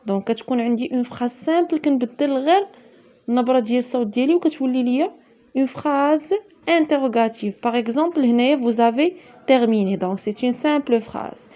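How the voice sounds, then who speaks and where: A woman with a high voice and a Moroccan accent teaches grammar in a patient classroom manner. She explains slowly, repeats each key phrase and mixes French with Moroccan Arabic. The audio is dull and lo-fi.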